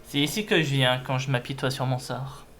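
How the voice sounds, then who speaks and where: A man's voice: medium pitch, fairly even intonation, moderate pace, a bit bright, slight background noise, natural voice. Earnest, wide-eyed little creature for a game, performed by a man; friendly and caring. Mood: wonder. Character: friendly, concerned young Pokémon who loves the beach.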